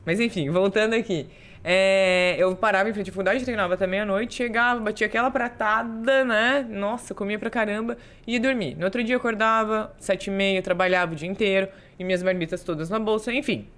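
A woman's voice: mid-range voice, a little fast. Chatty Brazilian woman telling stories. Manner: lively storyteller, repeats words for emphasis. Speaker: podcast guest. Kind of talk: casual interview chat.

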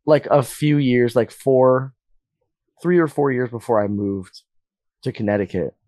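A young guest musician from Las Vegas tells stories in a casual interview, rambling and using many fillers. He speaks a little slowly in a warm, medium-pitched voice with no room sound.

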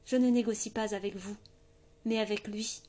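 Calm defiant old oracle woman, voiced by a reader. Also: medium pitch, moderate pace, close to an everyday voice.

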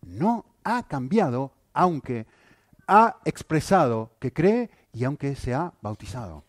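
A male pastor preaching a sermon, animated, with rhetorical questions and frequent checks on his listeners. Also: medium pitch, slow pace, no room sound, clean studio sound.

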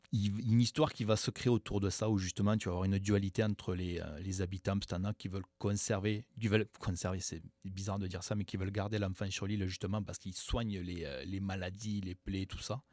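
A man's voice: sits low, steady tone, fairly quick, darkish tone, no echo. A man co-hosting a radio show, casually and chattily retelling a film plot in a studio.

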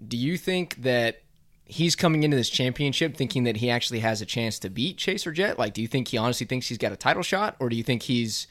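A man's voice: medium pitch, expressive, fast, a bit bright. A man co-hosting a podcast, chatting casually and laughing at himself. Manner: chatty, self-deprecating, laughs easily. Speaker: podcast co-host. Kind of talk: casual chat about motocross.

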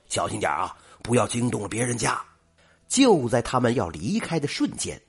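Lively husky older male storyteller. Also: mid-range voice. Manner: dramatic, lively. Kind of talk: folk tale narration.

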